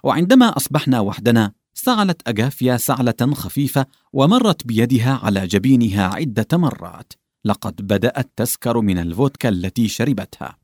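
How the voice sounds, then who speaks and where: A man narrating a literary story in an expressive, theatrical storytelling manner. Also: mid-range voice, brisk, no echo, clean studio sound. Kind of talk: literary audiobook reading.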